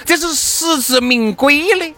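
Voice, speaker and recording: A man's voice: very high-pitched, unhurried, bright, forceful tone, soft background music. A man with a Sichuan accent co-hosting a talk show in casual, teasing, slangy comic banter.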